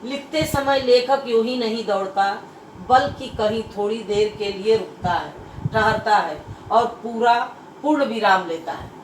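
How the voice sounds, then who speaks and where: A woman teacher explains a grammar point to her class, going over each phrase slowly and stressing the key words. Her fairly high voice comes from a distance in a roomy space. Faint ambient noise sits underneath.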